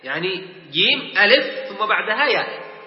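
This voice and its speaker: A man gives a classroom lesson, going slowly and repeating each word before asking his students questions. His voice sits high. The sound carries a long hall echo and a muffled, dull tone. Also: big pitch swings. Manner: explains slowly, repeating words and quizzing students. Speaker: Quran teacher.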